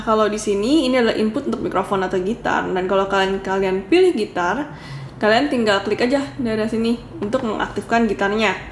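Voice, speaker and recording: A woman reviewing a product in a casual demo, talking viewers through it step by step in a chatty way. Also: fairly high pitch. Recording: echoey room with faint noise.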